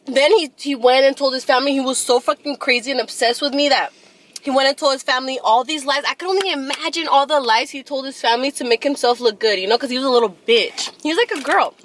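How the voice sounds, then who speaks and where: Woman, twenties, high voice, blunt profane storytelling. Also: fast, a bit bright, slight background noise. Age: 20s. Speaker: vlogger telling a story. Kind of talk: casual storytime chat.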